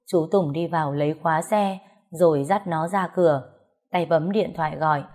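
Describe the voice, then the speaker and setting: A woman narrating a dramatic ghost story in a calm, measured reading. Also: lowish voice.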